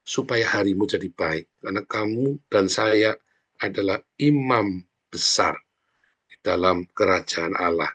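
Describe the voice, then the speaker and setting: A man pastor giving an informal, animated morning sermon, often turning to the congregation directly. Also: on the low side, measured pace. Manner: animated, informal preaching that often addresses listeners as brothers and sisters.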